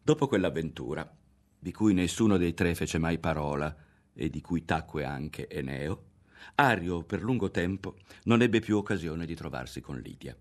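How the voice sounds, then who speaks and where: A man reading a literary novel aloud in a measured, expressive narration. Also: low voice. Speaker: audiobook reader.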